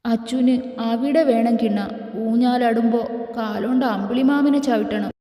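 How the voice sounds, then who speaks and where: A weepy, childlike young wife, tipsy and whining for what she wants, as a woman storyteller puts her on. Her mellow, fairly high voice echoes through a roomy space with a long reverb tail. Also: fairly even intonation, moderate pace, lightly acted. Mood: whiny. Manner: whiny, childlike.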